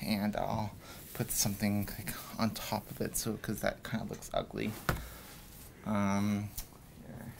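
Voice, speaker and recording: A man's voice: on the low side, monotone, measured pace, creaky, noisy background. A young man filming a student project, giving hesitant, casual directions full of fillers. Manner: hesitant, filler-heavy, mumbled asides. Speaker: student filmmaker directing a shoot. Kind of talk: casual on-set chat.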